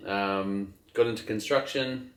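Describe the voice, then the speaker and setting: A middle-aged sailing captain from New Zealand chats casually as an interview guest while outdoors on a trip. His voice is low and unhurried, and he is relaxed but hesitant, stopping and restarting thoughts with plenty of fillers. The sound is roomy and echoey.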